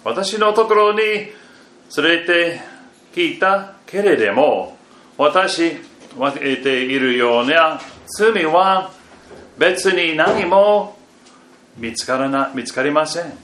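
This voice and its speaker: A pastor reads scripture during a sermon in a slow, halting way, his fairly high, expressive voice full of repeated fillers and restarts. His phrases often fade off very quietly. The room is echoey, with faint background noise.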